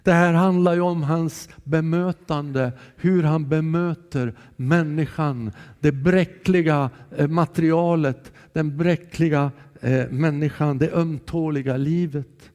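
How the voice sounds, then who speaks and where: A man giving a sermon in a church, earnest and calm, sometimes dropping soft and sometimes raising his voice. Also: fairly high pitch, hardly any pauses. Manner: calm, earnest, shifting between soft and raised voice. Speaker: preacher. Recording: long hall reverb from a church.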